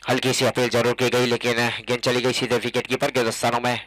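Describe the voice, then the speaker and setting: Indian guy doing excited cricket commentary, ball by ball, mid pitch voice, dry close sound. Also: fast, dry recording, rough recording. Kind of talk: live local cricket commentary in Hindi.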